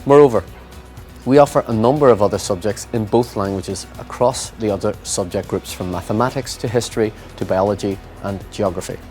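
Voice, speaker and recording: Over a music bed, a man with a low-side, darkish voice reads formal, scripted narration for a school promotional video in a measured way.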